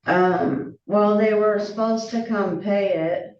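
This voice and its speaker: A defendant explaining themselves to a judge in a hesitant, halting, apologetic way. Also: mid-range voice, steady tone, darkish tone. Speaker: defendant in court. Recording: distant, echoey, muffled courtroom audio.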